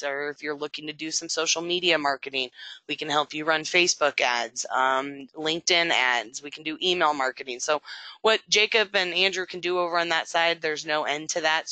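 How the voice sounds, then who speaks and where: Bright, upbeat agency trainer. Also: medium pitch, no echo. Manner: conversational, frequent "um" fillers; upbeat promotional tone. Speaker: agency sales support representative. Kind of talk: training webinar presentation.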